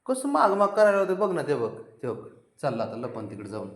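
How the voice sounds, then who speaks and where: A man's voice: a little high, huge pitch swings, a little fast. A man coaxing his pet cat in affectionate, sing-song baby talk, calling it over and over. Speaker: cat owner. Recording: roomy echo.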